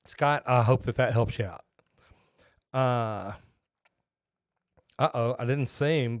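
On a close boom-arm studio microphone, a Texas master plumber in his 50s hosts a live stream, chatting with viewers in a folksy, rambling way with frequent restarts. His mid-range voice carries no room sound from the small home studio with shelves.

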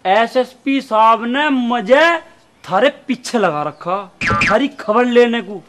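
A cheeky police informer, played by a man, teases and bargains in a high voice. His speech is rustic and cocky. Noise hangs behind the recording. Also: slow, fairly bright tone, exaggerated voice. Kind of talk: comic sketch acting.

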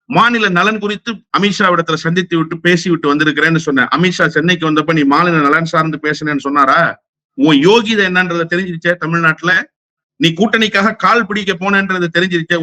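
A man's voice: high voice, pushed and bright, dry recording. A man speaking as a political guest in a heated interview, combative and firing rhetorical questions.

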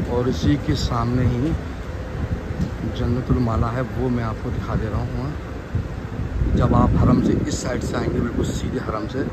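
A man vlogging a walking tour outdoors, guiding viewers through streets while walking. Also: mid-range voice. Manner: flat, steady guiding narration addressing viewers as friends. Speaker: travel vlogger. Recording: loud outdoor street noise. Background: loud traffic and street noise.

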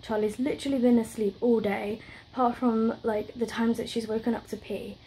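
At home, a young British woman talks to the camera in a rambling, chatty vlog full of fillers and run-on stories, sounding stressed and close to tears. Her voice is high, steady, a little fast, and dark in tone, on a low-quality recording with slight background noise.

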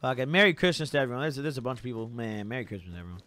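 Talking rapid-fire in a sharp, mid-range voice with lively intonation, a young adult hangs out on a gaming live stream. He curses freely and keeps the laid-back bro hype going with "bro," "dude," and "boys."

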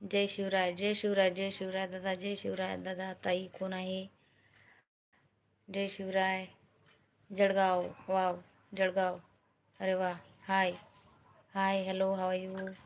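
A woman's voice: mid-range voice, monotone, takes it slowly, pauses often. A middle-aged woman from Maharashtra, chatting casually on a live stream and repeatedly urging viewers to join and comment. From Maharashtra, India.

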